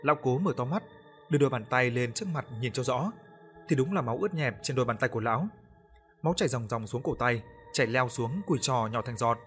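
Brief: male storyteller, measured spooky narration, faint music behind. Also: medium pitch, a bit bright. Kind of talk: scripted ghost-story narration.

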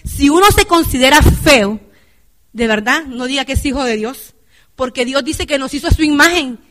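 A woman with a high-pitched voice delivers a sermon to her congregation. She turns to the listeners again and again, asking whether they follow and calling them brother and sister. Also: moderate pace, fairly bright tone. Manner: keeps asking the congregation "right?". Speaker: lay preacher. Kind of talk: church sermon.

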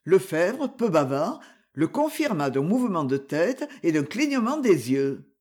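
Audiobook narrator, animated reading, pitch moves a lot. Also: measured pace, husky. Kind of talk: scripted narration.

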